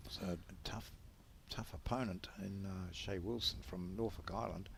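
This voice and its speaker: A man calling live sport in a low, gravelly voice, taking his time over every phrase. Faint noise sits under his measured delivery. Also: fairly even intonation, a bit bright. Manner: measured, unhurried calls. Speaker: sports commentator.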